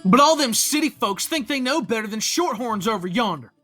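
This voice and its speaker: A man doing a high twangy country deer youth, with music. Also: lively intonation, fairly quick, a bit bright. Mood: annoyed. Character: young country deer man, defensive and earnest.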